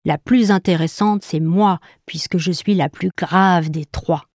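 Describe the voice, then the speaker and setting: A woman doing a grumpy low musical note. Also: a little slow, darkish tone, no echo, clean studio sound. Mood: stubborn. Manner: grumbling, cross.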